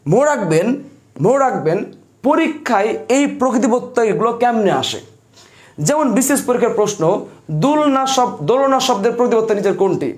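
A man's voice: very high voice, animated, brisk. A man teaching grammar for exams, repeating instructions and answering his own questions. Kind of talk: exam-prep lesson.

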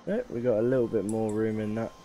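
A young man, a gaming YouTuber, rambles casually over a mining game, sounding tired and cracking jokes at his own expense. His voice is fairly low and dark in tone, and he talks fast in a chatty, self-mocking way.

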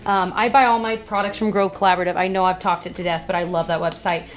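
A woman's voice: on the low side, flat delivery, quick pace. A young adult woman making a casual beauty vlog, chatty and self-teasing, laughing often as she talks. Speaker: beauty vlogger. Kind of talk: casual chat to camera.

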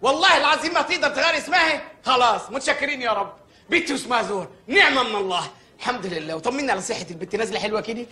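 An actor with an Egyptian accent playing a quick-tempered village mayor who rants and wisecracks in a comedy film. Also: male voice, extremely high pitch, lively intonation, bright, forceful tone, roomy sound, full character voice. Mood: bossy. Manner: ranting, exasperated, wisecracking.

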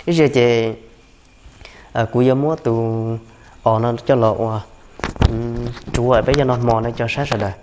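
A young man hosts a home cooking vlog, sitting on a floor mat in a room at home and chatting casually while he cuts meat and explains what he's doing. His medium-pitched voice is steady and a little mellow, at a normal speed with frequent pauses. There's slight background noise.

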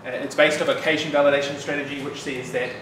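Before an audience in a bright loft-like office, a New Zealand-accented developer in his thirties rattles through a chatty, casual meetup talk at medium pitch, with frequent fillers and asides. He is relaxed throughout. The room mic is some distance from him, giving an echoey, distant sound with background noise.

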